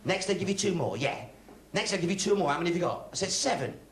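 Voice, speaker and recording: A man's voice: high-pitched, animated, quick pace. A man from England with a West Country accent, telling stand-up stories live on stage and switching voices for each character. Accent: English West Country. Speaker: stand-up comedian. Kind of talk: stand-up comedy set. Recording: echoey live hall with faint noise.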